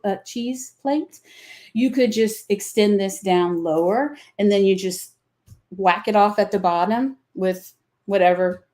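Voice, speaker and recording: A woman's voice: mid-range voice, darkish tone. Woman, Southern accent, middle-aged, folksy, chatty demo host. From American South. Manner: chatty, folksy, explains with many fillers. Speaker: craft company host. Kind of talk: live product demo.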